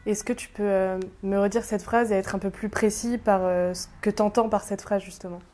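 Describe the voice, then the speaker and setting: A woman hosting a podcast, asking questions and reading the outro in a steady, even way. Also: medium pitch, moderate pace. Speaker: podcast host.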